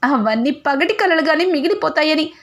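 A woman's voice: high voice, animated, normal speed, fairly bright tone. A woman voicing a young wife who wails over her ruined dreams. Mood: despairing. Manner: wailing, self-pitying. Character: wailing self-pitying young wife.

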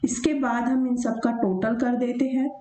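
A woman teacher talking through a worked problem over handwritten notes. She asks questions and answers them herself, and slows down to read the question word by word. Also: on the high side, steady tone, warm tone, roomy sound, poor audio. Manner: reads the question slowly, then explains step by step. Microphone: voice-over of screen notes.

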